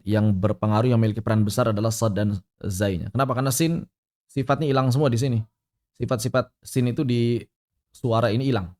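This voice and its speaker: A man's voice: mid-range voice, darkish tone. A male teacher giving an online lesson on Quran recitation, explaining patiently and repeating sounds aloud to drill them. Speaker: tajwid teacher.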